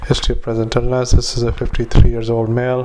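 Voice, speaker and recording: A doctor dictating notes into a dictaphone recording in a halting, flat manner, with many filler pauses, spelling words out and saying punctuation aloud. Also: male voice, medium pitch. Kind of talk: medical dictation.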